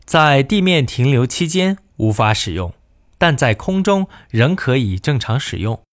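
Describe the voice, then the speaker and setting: Male reader, slow and formal, lively pitch, dry close sound; cabin-announcement lesson. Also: no echo. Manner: measured, formal announcement delivery in two languages. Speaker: language course reader. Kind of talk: reading in-flight announcements aloud.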